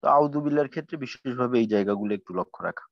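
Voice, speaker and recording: A man teaching Quran recitation in an online class, explaining patiently and slowly stretching out sample verses. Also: mid-range voice, no room sound. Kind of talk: online tajweed lesson. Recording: dry, muffled lo-fi audio.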